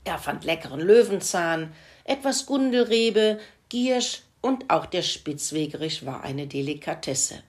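A woman reading a children's farmyard story aloud in a gentle, expressive way. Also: fairly low pitch, unhurried.

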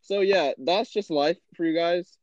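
A man's voice: sits high, measured pace, dry recording. A young man with a Texan accent, hosting a casual podcast and acting out his own reactions as he tells stories. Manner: animated storyteller, acts out his own reactions. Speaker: podcast host. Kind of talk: casual chat. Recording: dull lo-fi sound.

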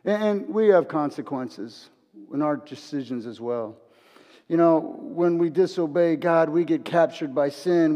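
Higher-voiced male preacher in a reverberant hall. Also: mellow. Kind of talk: conversational sermon built on a film.

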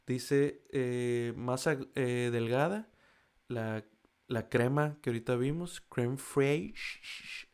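Reading a list in a casual chat, a Mexican-accented vlogger trips over foreign food names, using slangy and profane Spanish. His voice is medium-pitched and a little mellow.

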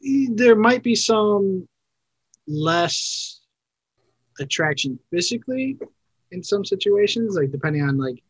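A man's voice: high voice, lively intonation, slow, long pauses, husky, no room sound, poor audio. Rambling man in his thirties. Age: 30s. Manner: rambling and self-correcting. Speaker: podcast co-host. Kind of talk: casual chat.

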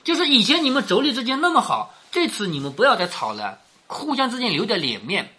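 A man's voice: high-pitched, huge pitch swings, a little fast, pushed and bright. A man hosting a show that explains a classic novel, retelling scenes in a colloquial storytelling style and often asking the listener rhetorical questions.

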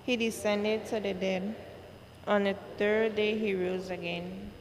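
A woman leading a church service, reciting the liturgy in a slow, measured way, her voice carrying a cathedral echo. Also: mid-range voice, flat delivery. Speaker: worship leader. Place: large church. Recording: long church reverb, faint noise.

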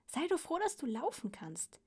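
A woman's voice: high-pitched, big pitch swings, moderate pace, darkish tone, pitched above the performer's own voice. A woman doing a teasing earthworm. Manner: teasing, giggling. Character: cheeky gloating earthworm.

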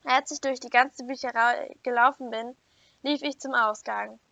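Bright-voiced woman reading a children's story. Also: fairly high pitch, fairly even intonation, moderate pace, gravelly, no room sound. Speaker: story reader. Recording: dull lo-fi dry recording.

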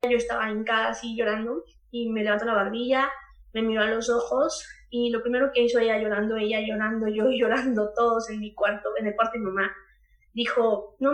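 A young woman with a Mexican accent tells a personal story. Her voice sits a little high, and she speaks in an emotional, halting way. The sound has a noticeable echo from the room. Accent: Mexican Spanish. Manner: emotional, halting, with many restarts. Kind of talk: personal testimony talk.

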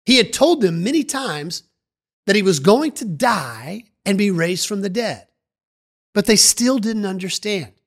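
An earnest podcast Bible teacher reads a scripted Bible story. The narration guides the listener with a steady, instructive tone. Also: medium pitch, unhurried.

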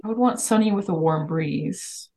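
A woman's voice: low-pitched, moderate pace, a little mellow. A young woman co-hosting a podcast, chatting casually and rambling with lots of "like" and laughter. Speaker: podcast co-host. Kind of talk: casual chat.

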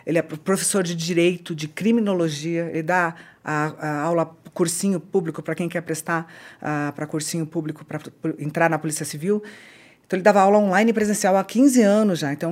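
A woman's voice: on the low side, steady tone, a little mellow. Earnest Brazilian woman recounting her story. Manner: earnest, halting, repeats herself. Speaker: podcast guest.

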